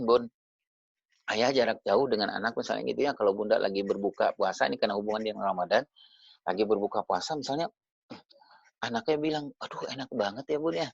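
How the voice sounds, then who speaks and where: Gravelly-voiced man giving a parenting talk. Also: fairly low pitch, fairly quick, long pauses, dry recording. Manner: chatty, addresses listeners directly with tag questions. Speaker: parenting speaker. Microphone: video call. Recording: dull lo-fi video call audio.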